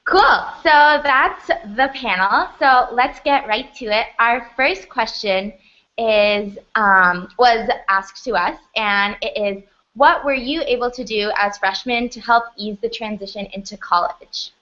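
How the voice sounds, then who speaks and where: A woman's voice: a little high, measured pace, pushed and bright. A young woman moderating a student panel, organized with a few fillers. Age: young adult. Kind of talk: hosting a panel. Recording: dull lo-fi audio.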